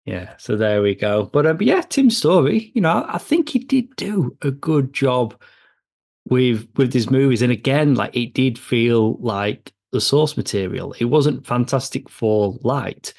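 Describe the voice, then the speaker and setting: A man co-hosting a comics film podcast, talking casually and a little haltingly about a movie. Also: medium pitch, lively intonation, gravelly, a little mellow. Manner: chatty, with filler and restarts. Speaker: podcast co-host.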